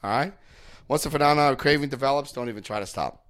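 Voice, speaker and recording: Quick-paced and medium-pitched, a New Jersey-accented man from New Jersey leads a recovery workshop through a book in a slightly bright, clean tone. He jokes, tells stories, and frequently checks in with the group.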